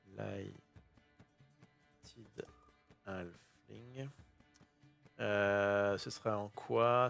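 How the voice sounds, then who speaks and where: A man hosting a casual card-opening session in his kitchen, chatty and excitable, thinking aloud and using casual slang. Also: medium pitch, vocal fry. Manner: self-interrupting, thinking aloud. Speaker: host opening trading card boosters. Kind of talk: casual unboxing commentary. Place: home kitchen.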